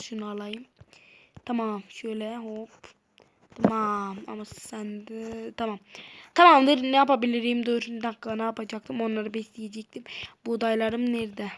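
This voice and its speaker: A woman's voice: on the high side, a bit bright. A woman giving casual, rambling let's-play commentary and chatting to her viewers while she plays. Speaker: gamer. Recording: noisy home mic with clicks.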